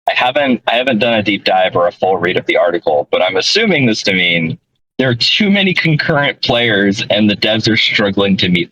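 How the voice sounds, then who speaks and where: A man with a fairly low, pushed, bright, and slightly rough voice co-hosts a laid-back podcast over a phone call from his moving car. He rambles, corrects himself, and laughs softly often, in dull lo-fi call quality.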